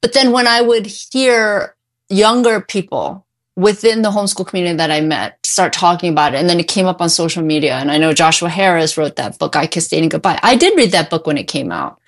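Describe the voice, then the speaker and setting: Speaking a little fast in a low, expressive voice, this middle-aged woman offers emphatic, opinionated replies as the guest therapist in a conversational interview. Born in Korea, she moved away at five, and English is her first language.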